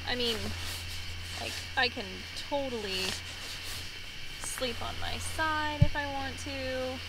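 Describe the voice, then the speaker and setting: A young woman vlogging casually from a wooded campsite into a handheld camera, chatty and upbeat with lots of "like" fillers. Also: high-pitched. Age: young adult. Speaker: moto-camping vlogger. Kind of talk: casual vlog narration to camera. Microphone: handheld camera at arm's length. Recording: noisy outdoor camera audio. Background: outdoor woodland ambience.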